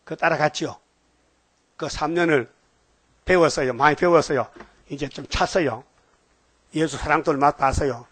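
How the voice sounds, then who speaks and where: A man preaching a sermon, telling stories in an animated way and calling out to his listeners for replies. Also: a little high, moderate pace, long pauses, slightly rough, dry recording. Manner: animated storytelling, calls out for replies.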